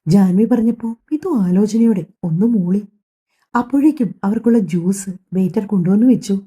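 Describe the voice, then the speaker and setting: A woman tells a family drama as an audiobook, in a calm, even storytelling voice. Her tone is very dark and mellow, with a slight breathy edge. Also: medium pitch, normal speed. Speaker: audiobook narrator. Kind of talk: scripted story narration voicing all characters.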